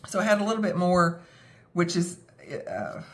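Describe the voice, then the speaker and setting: A woman's voice: fairly low pitch, big pitch swings, moderate pace. A young adult woman with a scratchy throat from a cold, talking casually and self-deprecatingly, with many fillers. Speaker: budgeting vlogger. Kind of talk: casual talk to camera.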